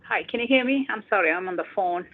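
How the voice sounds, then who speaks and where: A woman calling into an online meeting over the phone, talking hesitantly with many pauses and ums. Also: medium pitch, expressive. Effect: heard over a phone line. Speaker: hospital staff member sharing practice at an online meeting. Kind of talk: unscripted remarks on a group call. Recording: tinny, husky phone line.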